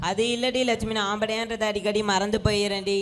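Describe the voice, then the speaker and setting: A student putting on the voice of a fussy, blustering old Brahmin husband in a school play. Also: female voice, medium pitch, flat delivery, fast, soft background music, voice pushed down, close to an everyday voice.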